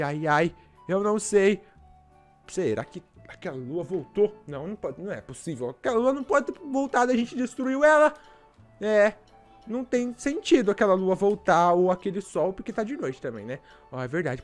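A man with a Brazilian Portuguese accent doing playful gameplay commentary, excitable and sighing often as he talks to his viewers. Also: sits high. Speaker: gaming YouTuber.

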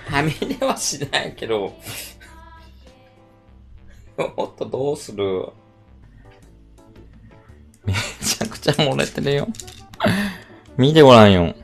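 A man live-streaming from a handheld phone while out shopping, chatting casually and grumbling in rough everyday speech. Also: medium pitch, animated, takes it slowly, pauses often, a bit bright, soft background music. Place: shopping street and store, outdoors and indoors.

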